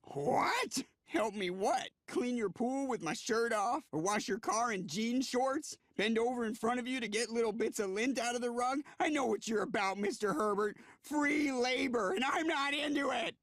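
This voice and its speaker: An actor playing a naive, whiny, dim-witted teenage boy in an animated sitcom, earnest and childish. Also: very high-pitched, moderate pace, few pauses, no room sound. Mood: indignant.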